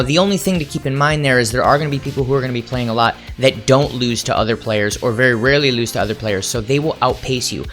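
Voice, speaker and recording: A man with a medium-pitched, fairly bright voice talks like a gaming YouTuber, explaining things and advising viewers directly in conversational commentary. Music plays in the background.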